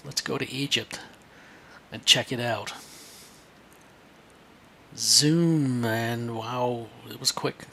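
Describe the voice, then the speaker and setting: A man's voice: medium pitch, vocal fry, pushed and bright, a little hiss or hum. A man teaching a screen-share lesson for kids, chatty and thinking aloud as he points things out.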